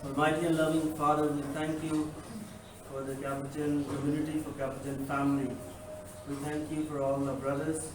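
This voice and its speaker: Man reciting a steady prayer, very echoey. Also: a little high, normal speed, noisy background. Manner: steady, even prayer cadence. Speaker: priest leading grace. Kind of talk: spoken prayer. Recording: very echoey room, distant mic.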